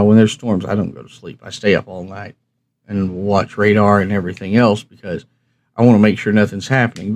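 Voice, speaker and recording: This fairly low-voiced man, a little mellow, addresses viewers head-on with easygoing instructions. His folksy, no-frills explanations ramble slightly, much like a hobby review channel host.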